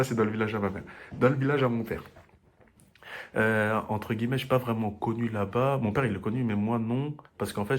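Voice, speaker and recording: Young guy vlogging, lowish voice, tells stories all animated and laughing. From Comoros family, raised in France. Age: young adult. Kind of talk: storytelling travel vlog.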